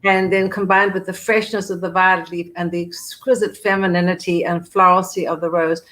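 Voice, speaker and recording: A perfumer who founded a fragrance brand chats at a casual online event, gushing over scents with words like beautiful and gorgeous, restarting and repeating herself often. Her voice is fairly low and level yet brisk and fairly bright, and the recording is rough.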